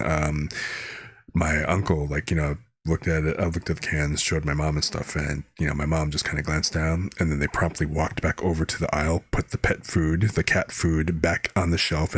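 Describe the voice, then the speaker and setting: A man's voice: a bass voice, slightly rough, no echo. A man from the United States, a streamer, chatting casually and telling rambling anecdotes. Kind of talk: casual chat.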